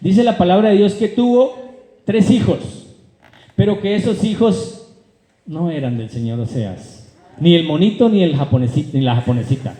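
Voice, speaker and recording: A male pastor, his voice sitting a little high with a mellow, soft edge. He preaches with fervor, shouting some lines and murmuring others, and keeps questioning the congregation. The sound rings around an echoey church hall. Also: normal speed. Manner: animated preaching, swings from loud high calls to low asides; addresses the congregation directly, asks rhetorical questions. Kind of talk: sermon.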